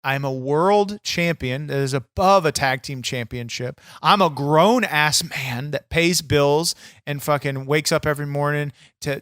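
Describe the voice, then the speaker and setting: A man whose voice sits on the high side and a bit bright performs a bitter, bragging wrestler character for comedy podcast improv, swearing crudely and snapping easily. The studio sound is clean, with no echo.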